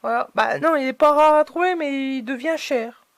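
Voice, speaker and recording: Chatty high-voiced woman unboxing figurines. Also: normal speed, no echo. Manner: chatty, hesitant, many fillers. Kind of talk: casual unboxing commentary.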